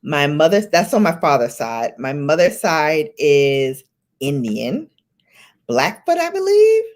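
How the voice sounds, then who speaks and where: With a deep, darkish voice that swings hugely in pitch and takes things slowly, a Brooklyn woman runs a casual livestream. Her Brooklyn New York accent comes through as she chats, laughs often, and greets viewers by name over faint music.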